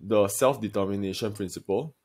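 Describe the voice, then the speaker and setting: A male secondary school history teacher, giving a recorded video lesson in a deliberate, emphatic lecturing manner and speaking directly to his students. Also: on the low side, a little mellow.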